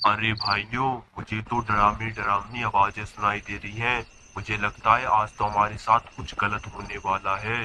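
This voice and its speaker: Brief: man voicing a jumpy, scared cartoon farmer, lowish voice, noisy track. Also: flat delivery, normal speed, hardly any pauses, natural voice. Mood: worried. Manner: panicky, cries out in alarm. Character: jumpy frightened male villager farmer.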